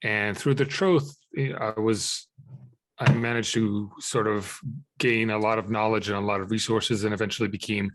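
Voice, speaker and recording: A man in his thirties from Israel, a podcast guest answering questions in a halting way with many fillers and restarts. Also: on the low side, steady tone, no echo. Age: 30s. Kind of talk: conversational interview answers.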